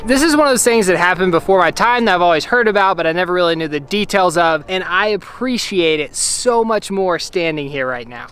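A young man talks to his handheld camera as he travels, sounding upbeat and chatty and laughing easily. His voice sits a little high for a man. He narrates casually from outdoors and inside a camper van. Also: expressive, brisk, hardly any pauses, a bit bright, faint music behind. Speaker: travel vlogger.

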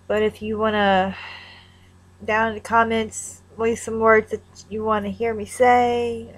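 A woman's voice: medium pitch, rough recording. A young woman from Kentucky with an Appalachian Kentucky accent, talking casually to her webcam in a plain, folksy, dialect-heavy way. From Kentucky, United States. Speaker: vlogger. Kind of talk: casual accent-tag vlog, question and answer. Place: small room at home, indoors. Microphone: webcam at desk distance.

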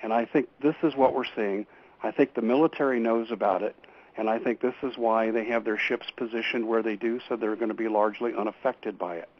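A man's voice: on the low side, steady tone, fairly quick. A man speaking as a guest on a radio show, earnestly laying out urgent warnings and often restarting his sentences. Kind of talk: call-in radio interview. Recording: dull lo-fi radio audio.

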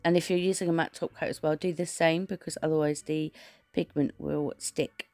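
A woman talks through a nail art tutorial in a casual, rambling voice-over. Her voice is low and has a gravelly fry. It is recorded close and dry, with soft background music. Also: steady tone, normal speed, dry recording. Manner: chatty, rambling, many fillers and restarts.

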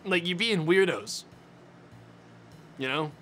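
Soft background music plays as a man in his twenties streams from a small, dim indoor room, casually chatting and ranting at viewers with mock indignation and frequent swearing. His slightly high, fairly bright voice has lively intonation, and he takes it slowly.

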